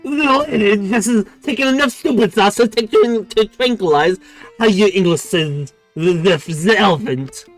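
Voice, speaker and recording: A man's voice: sits high, normal speed, faint music behind, voice pushed up, lightly acted. A man voicing a flustered foreign waiter who speaks broken English, raised and a little strained. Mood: fussy.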